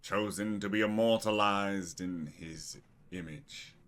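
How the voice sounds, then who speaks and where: Brief: a man as a zealous cult priest, drawn-out booming welcomes. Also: fairly even intonation, a bit bright, clear, resonant tone. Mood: grandiose. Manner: slow, drawn-out grand proclamations. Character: zealous male cult leader, grandiose and theatrical.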